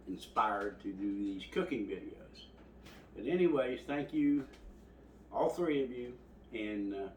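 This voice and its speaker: A man's voice: mid-range voice, far from the mic, slight background noise. A man hosting a home cooking video, folksy and rambling as he talks to his viewers. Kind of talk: casual cooking vlog. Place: home kitchen. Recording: echoey room, voice from off the mic.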